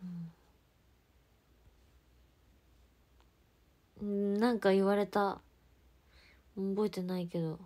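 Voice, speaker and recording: Young woman, casual livestream chat w/ viewers, giggly, goes soft then perks up. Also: medium pitch, fairly even intonation, drawn-out words, long pauses. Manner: chatty and giggly, drifting between soft murmurs and brighter exclamations. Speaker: idol livestreamer.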